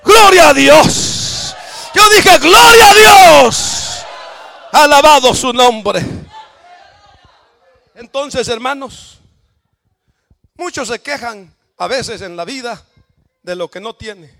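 Preaching in a church, a Salvadoran man with a Salvadoran Spanish accent speaks in a voice very high for a man, creaky and with lively intonation. He goes slowly and pauses often, driving the sermon with shouted, emphatic cries of praise and calls for the crowd to respond.

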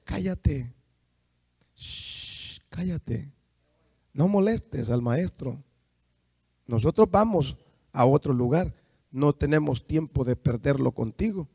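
A Salvadoran man voicing an impatient crowd that hushes someone in low, scolding tones. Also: expressive, slow pace, gravelly, long pauses, husky, no room sound, studio quality, heavily acted. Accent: Salvadoran Spanish.

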